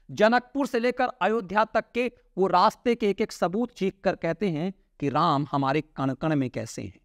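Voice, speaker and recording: A middle-aged male host delivers forceful political commentary from a studio desk, his fairly high voice rising and falling with emphasis. The lapel-mic sound is close and dry, with no room around it. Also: no echo. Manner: emphatic, swinging pitch with sharp drops at phrase ends. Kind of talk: opinionated news commentary to camera. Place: indoor studio with virtual set. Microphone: lapel mic, seated at desk.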